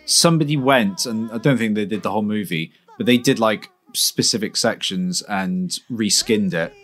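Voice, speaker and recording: A man co-hosting a podcast, chatting casually about a film, animated and laughing often. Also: on the low side, normal speed. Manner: animated, laughs often, drops into quiet asides. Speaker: podcast co-host.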